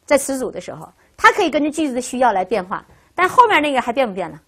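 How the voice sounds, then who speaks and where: A woman's voice: sits high, big pitch swings, fast, a bit bright, husky. A woman teaching a language class, who keeps asking her students rhetorical questions and checking in with "right?". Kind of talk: classroom lecture.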